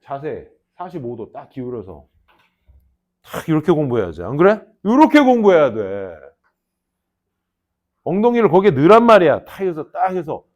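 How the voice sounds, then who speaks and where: Teasing, lively male teacher. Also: fairly high pitch, normal speed, pauses often. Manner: teasing, banmal lecturing with lively asides. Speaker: English teacher. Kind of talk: casual classroom lecture. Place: classroom. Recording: dull lo-fi lecture recording.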